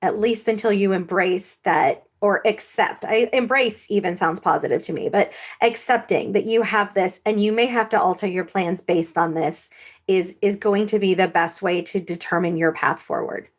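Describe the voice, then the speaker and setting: A woman's voice: medium pitch, moderate pace. A woman co-hosting a podcast, speaking earnestly and frankly, often repeating words as she thinks. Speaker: podcast co-host. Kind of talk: casual podcast chat.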